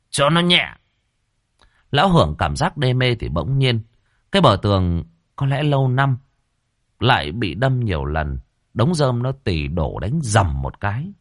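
A man's voice: fairly low pitch, no room sound, studio quality. A man narrating a comic ghost story in a dramatic, colloquial way.

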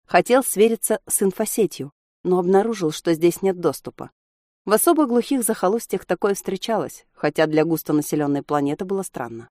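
A woman reading a novel aloud as audiobook narrator, steady and even. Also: fairly low pitch, dry recording, studio quality. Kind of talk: scripted narration.

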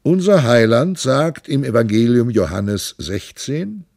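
A man's voice: mid-range voice, sing-song, unhurried, creaky, darkish tone, no room sound, studio quality, pitched above the performer's own voice. A man voicing a jovial, boozy husband who teases and reassures his wife in a hearty, coaxing manner. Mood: jovial teasing.

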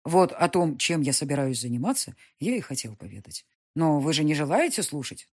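A woman reading the lines of a stubborn young nobleman arguing with his mother, in her own husky voice with a sullen, insistent manner. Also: low voice, sing-song, fairly quick, heavily acted.

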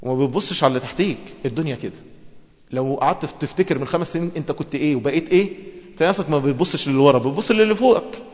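A man with an Egyptian accent giving a religious lesson. He talks in a lively way and moves between everyday speech and formal reading. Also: fairly high pitch, racing. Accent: Egyptian Arabic. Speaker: preacher. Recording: long hall reverb.

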